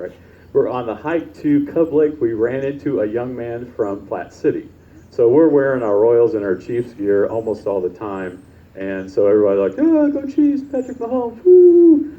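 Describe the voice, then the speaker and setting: A pastor delivers a conversational sermon at a church service, sharing personal stories in a chatty, informal manner and frequently adding "right?". His mid-range voice is mellow, and the service recording is dull and lo-fi.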